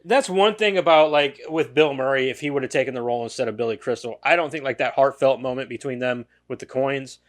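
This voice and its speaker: A man's voice: mid-range voice, fast talker, hardly any pauses. Laid-back hedging podcast guy. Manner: relaxed, hedging, swears casually. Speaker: podcast co-host. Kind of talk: casual movie chat.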